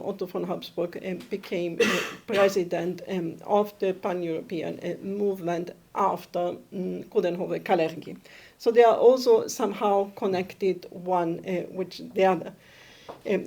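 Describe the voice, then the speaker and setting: A woman from Austria, giving a conference presentation and often pausing to search for her words. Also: medium pitch, warm tone. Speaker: academic conference speaker.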